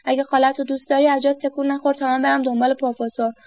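A woman's voice: high-pitched, level tone, a little mellow. A woman voicing a fretful middle-aged aunt who keeps pleading and fainting, in a storybook reading. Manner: pleading, anxious.

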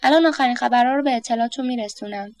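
A woman's voice: a little high, dry recording, close to an everyday voice. A woman voicing a poised female TV newsreader who stays cool and unemotional. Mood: nonchalant.

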